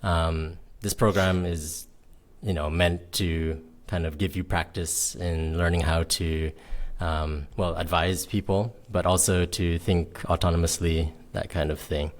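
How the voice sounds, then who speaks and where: Deep voiced guy from miami, laid back, lots of ums, teacher on a podcast. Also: a little slow. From Miami, Florida. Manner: relaxed, hesitant with ums. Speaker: guest, English teacher. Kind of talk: casual interview answers.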